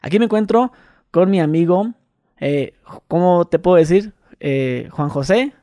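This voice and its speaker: Mexican host, high-voiced and joking, dry close mic. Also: male voice, animated, unhurried, warm tone, no room sound. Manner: friendly, joking, slangy. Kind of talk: casual interview chat.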